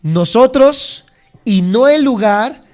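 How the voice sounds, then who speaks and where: High-voiced Mexican pastor preaching. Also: male voice, moderate pace, a little mellow. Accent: Mexican Spanish. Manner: calls for congregation responses; repeats key words for emphasis. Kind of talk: teaching sermon. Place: church meeting.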